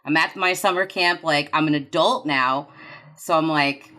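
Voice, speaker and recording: A woman's voice: sits low, normal speed, sharp tone. A woman co-hosting a podcast, telling a story in a rambling, casual way with many restarts. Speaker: podcast co-host.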